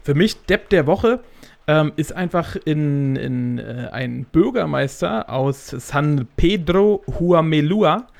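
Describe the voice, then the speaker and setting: A man's voice: a little high, animated, takes it slowly, gravelly. A man in his thirties co-hosting a podcast, talking casually and rambling with many fillers. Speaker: podcast co-host. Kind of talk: casual chat.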